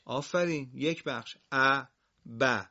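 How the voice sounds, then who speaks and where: A man teaching a broadcast classroom lesson on Quran reading, patiently drilling single syllables loudly for his pupils and listeners. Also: medium pitch, highs cut off.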